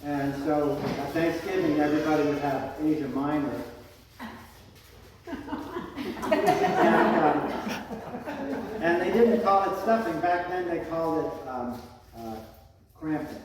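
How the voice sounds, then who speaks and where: A man telling a joking first-person saint story at a parish party quiz, halting and rambling with many fillers and restarts. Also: a little high, lively intonation, background noise. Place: large echoey parish hall. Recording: echoey hall, voice from far off.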